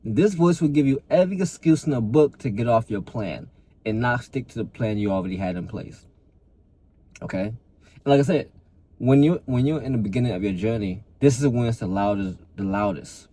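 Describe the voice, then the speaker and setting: A young adult man, a fitness coach, talks casually to camera in an earnest, motivating way, often repeating and restarting words. His medium-pitched voice is warm, animated and brisk.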